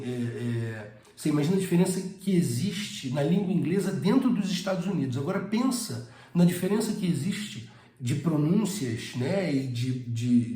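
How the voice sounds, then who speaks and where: A man's voice: on the high side, mellow, reverberant. A man from Brazil with a Rio de Janeiro accent, teaching a casual spoken lesson with frequent hesitations and repeated words. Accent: Rio de Janeiro Portuguese. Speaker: English teacher.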